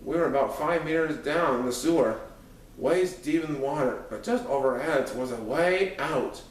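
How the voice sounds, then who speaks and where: Reading a scripted first-person story, a male audiobook narrator speaks at normal speed with a voice on the high side. He sits far from the microphone in an echoey room.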